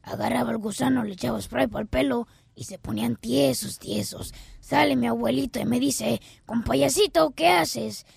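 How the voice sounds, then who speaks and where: A woman tells jokes on live radio with heavy vocal fry grating through her voice. She pitches somewhat high and acts out each quoted voice with animated energy. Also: normal speed, few pauses. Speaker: joke teller on a radio show.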